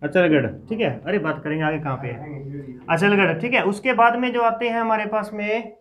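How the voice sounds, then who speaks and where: A man teaching a geography class in a casual lecture style. He dictates lists and repeats each name slowly for his students. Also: high voice, fairly bright tone. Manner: talks informally to students while teaching. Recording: dull lo-fi classroom recording.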